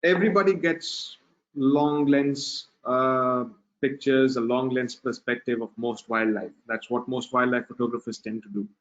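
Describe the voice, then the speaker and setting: A man presenting a wildlife photography webinar, talking in a relaxed, unhurried way with many filler pauses over a video call. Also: mid-range voice. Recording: dull lo-fi webinar audio.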